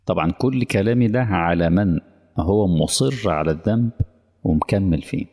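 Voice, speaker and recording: This Egyptian-accented preacher has a deep, dark voice at a moderate pace, and the sound carries a big-room quality. He delivers a religious lesson in colloquial Arabic, chatting with the crowd, quizzing them, staging mock dialogues and regularly making sure they're keeping up.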